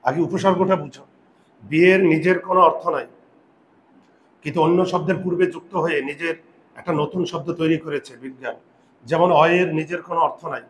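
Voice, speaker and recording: A man teaches a grammar lesson. He stretches out example words and keeps asking his students whether they follow. The room is echoey, with a faint hiss behind him. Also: on the high side. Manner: repeats rules, quizzes students with "বোঝা গেল?"; patient, drawn-out pronunciation of example words. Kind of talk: classroom lesson.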